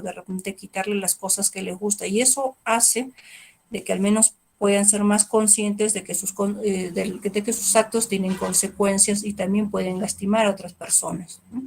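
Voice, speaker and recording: Woman lecturing, gravelly voice. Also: mid-range voice. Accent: Peruvian Spanish. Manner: explanatory, with rhetorical questions and fillers. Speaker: court trainer on family law. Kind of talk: training lecture.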